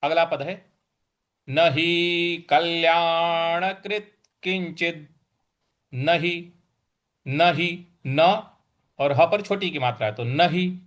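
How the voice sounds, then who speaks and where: A man's voice: fairly high pitch, slow, long pauses. A man teaching scripture pronunciation, breaking words into syllables and chanting the verse. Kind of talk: recitation and pronunciation lesson.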